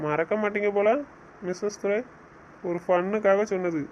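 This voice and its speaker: A man's voice: high voice, steady tone, normal speed, lo-fi sound, a little hiss or hum, natural voice. A man playing a young newlywed husband who teases his wife and lectures her sternly in a romantic audio drama. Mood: teasing. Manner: teasing, then stern and scolding. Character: young husband, teasing yet bossy with his new wife.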